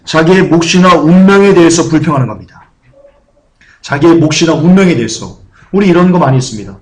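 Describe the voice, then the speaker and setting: A man's voice: fairly high pitch, lively intonation, brisk, darkish tone. A man preaching a sermon as pastor, earnest and emphatic, who acts out the grumbling of churchgoers.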